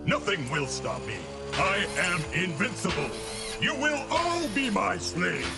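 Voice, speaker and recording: Seorang aktor pria memerankan robot pelayan cyborg jahat dalam kartun, berbicara lambat, mekanis, dan sopan secara kaku namun mengancam. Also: male voice, high-pitched, big pitch swings, measured pace, creaky, over loud music, exaggerated voice. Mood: menacing triumph. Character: cyborg robot maid villain, stiffly polite yet menacing. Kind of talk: cartoon voice acting.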